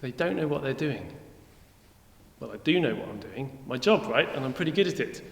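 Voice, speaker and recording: An actor playing a weary, chatty Roman centurion in a comic monologue, talking in a rambling, wry way. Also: male voice, medium pitch, animated, brisk, creaky. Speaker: actor in church children's video. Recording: echoey hall with long reverb.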